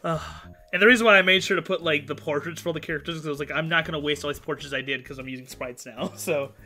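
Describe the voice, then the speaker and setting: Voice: medium pitch, racing, sharp tone. A game master chatting out of character over an online call, rambling and full of fillers. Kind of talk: casual out-of-character chat.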